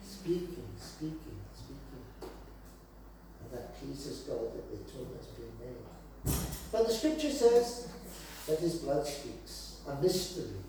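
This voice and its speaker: A man's voice: medium pitch, sing-song, takes it slowly, noisy background. A man preaching a sermon to a small gathered congregation, earnest and emphatic, repeating key phrases. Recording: very echoey room, voice from far off.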